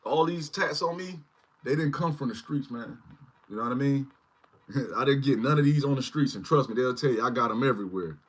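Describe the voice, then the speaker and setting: This channel host, a man in his forties, rambles through a casual livestream, repeatedly asking "you know what I mean." His mid-range voice is brisk and slightly rough.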